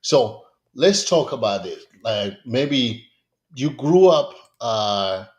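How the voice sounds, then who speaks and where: Chatty podcast host, eager and loose. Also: male voice, medium pitch, sing-song, slow pace. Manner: enthusiastic, loose phrasing with fillers. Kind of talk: casual interview talk.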